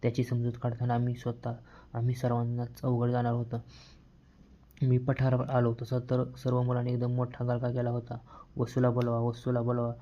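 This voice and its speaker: A man reads a novel aloud as the first-person narrator, keeping a steady, even storytelling pace. His pitch barely moves, so the delivery sounds almost monotone. The recording is dull and slightly lo-fi. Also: fairly quick. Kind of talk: audiobook reading of a novel.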